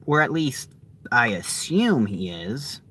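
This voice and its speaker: A man casually reviews a TV series in a slow, unhurried delivery. His pitch moves a lot, and he keeps pausing and restarting with lots of fillers as he searches for the right words. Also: big pitch swings, pushed and bright, breathy edge.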